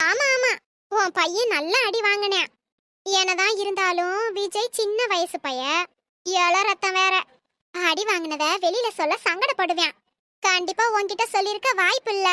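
A woman's voice: very high-pitched, normal speed, sharp tone, no echo. A woman voicing a gloating, nosy woman who phones a mother in a storybook drama. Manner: mocking.

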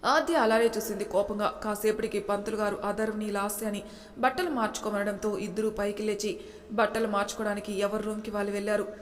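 A woman narrating a serialized story in a steady, dramatic way. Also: medium pitch, a little fast, slight background noise. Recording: roomy with long reverb.

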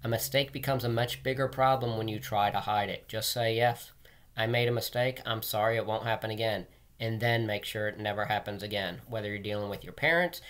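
Picked up by a webcam at desk distance in a small room, a middle-aged man reads to pupils and gives them straightforward advice. He works as a teacher and school administrator, and his manner is plain, earnest and emphatic. His voice is medium-pitched and a bit bright.

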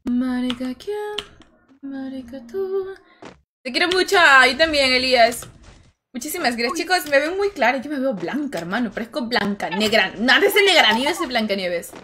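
A woman streamer, her voice pitched high and sounding bright. She chats and jokes with her viewers while gaming, thanking them by name and reacting to the match, with a faint hiss under the mic. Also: very animated, normal speed. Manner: chatty and joking, thanks viewers and reacts to play. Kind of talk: casual livestream chat while gaming.

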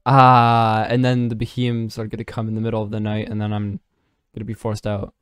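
Recorded in a clean studio with no room sound, a young man with a lowish, clean-toned voice talks fairly quickly. He's giving casual gameplay commentary for a let's play, animated and jokey, voicing the game's lines as he goes.

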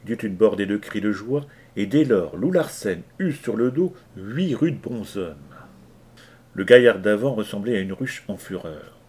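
A man narrating an adventure novel aloud in a measured, dramatic reading. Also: lowish voice, animated, darkish tone, breathy edge. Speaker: audiobook reader. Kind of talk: scripted narration.

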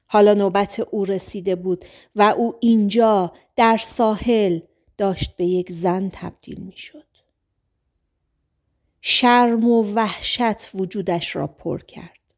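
A woman narrating a novel in a calm, measured reading voice. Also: mid-range voice. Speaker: audiobook narrator. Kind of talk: scripted narration.

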